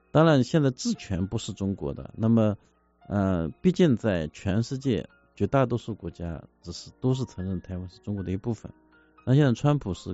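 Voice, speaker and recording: Low-voiced man arguing in halting bursts. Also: dark tone. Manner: halting, many restarts and fillers, argumentative. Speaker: commentator. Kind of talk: casual political discussion. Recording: dull lo-fi audio with faint music.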